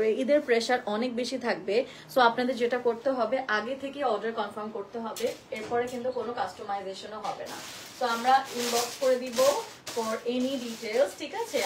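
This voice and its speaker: A woman's voice: on the high side, noisy background. A woman in her thirties with a Bangladeshi accent, chatting casually as she shows clothes on a live stream and reads viewer comments, switching between Bengali and English. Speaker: live sale host.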